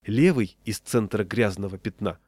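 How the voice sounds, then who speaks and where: A man narrating a humorous short story in a steady, wry reading voice. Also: on the low side, moderate pace, no echo.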